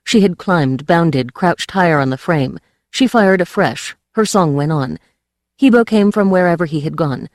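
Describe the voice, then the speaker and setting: A narrator reading a science fiction audiobook in a steady, measured way. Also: mid-range voice, no echo, clean studio sound.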